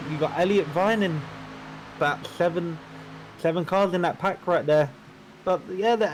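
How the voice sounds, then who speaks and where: A man's voice: a little high, background noise. Easygoing man co-commentating a sim race. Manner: relaxed, easygoing analysis. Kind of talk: sim racing colour commentary.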